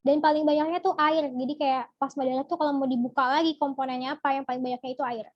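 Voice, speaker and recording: A young woman runs a relaxed online biology class, tossing questions to her viewers and answering them as they come in. Her voice sits high and bright. The sound is dry and a little dull, like a simple home setup. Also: fast, no room sound. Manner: chatty, asks the viewers questions and answers from chat. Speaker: biology tutor. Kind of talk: casual online biology lesson.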